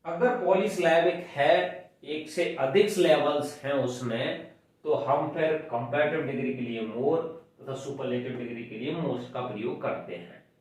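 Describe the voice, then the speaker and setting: A man's voice: mid-range voice, a little slow, a little mellow. A man teaching English grammar, explaining rules step by step and counting syllables aloud, recorded far from the mic. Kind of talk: classroom grammar lesson. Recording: very echoey room, voice far from the mic.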